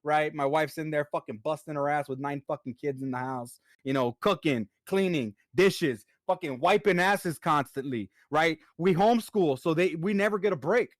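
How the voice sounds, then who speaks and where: A man's voice: a little high, normal speed, few pauses, dry recording, clean studio sound. A man co-hosting a podcast, talking earnestly and rambling, with a lot of swearing. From United States. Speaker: podcast co-host. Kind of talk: casual chat.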